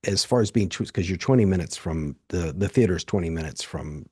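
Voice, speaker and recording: A man's voice: deep voice, expressive, brisk, darkish tone, breathy edge, dry recording, clean studio sound. A man with an Appalachian accent, hosting a podcast interview in casual conversation over a video call. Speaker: podcast host. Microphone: video call, close dry mic.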